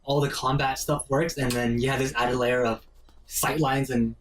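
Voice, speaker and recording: A man offers casual, conversational explanations while a video game is played in a let's play. His medium-pitched voice stays level at a normal speed. The mic is distant, with game music and slight noise in the background.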